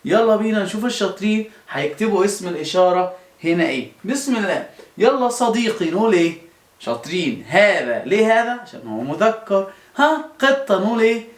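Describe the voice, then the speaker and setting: A man's voice: high voice, sing-song, fast. Man, Egyptian accent, children's teacher, coaxing, repeats questions, roomy echo. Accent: Egyptian Arabic. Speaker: primary school teacher. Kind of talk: children's lesson.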